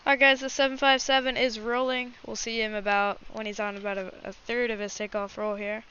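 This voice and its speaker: A woman's voice: on the high side, level tone, brisk, sharp tone. A woman hosting a livestream, giving casual, chatty live commentary and speaking directly to her viewers. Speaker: livestream host. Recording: dull lo-fi mic with faint noise.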